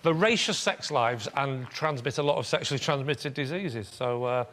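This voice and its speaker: A man's voice: mid-range voice, normal speed. A man on a comedy panel show, giving joke facts in a mock-earnest, hesitant way. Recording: TV broadcast with loud studio audience laughter.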